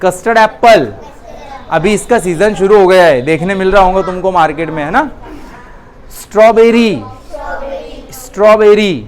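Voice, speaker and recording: A woman's voice: mid-range voice, moderate pace, long pauses, a little mellow, some chatter behind. A woman teaching a class, naming words and coaxing students to answer her questions. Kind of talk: classroom lesson.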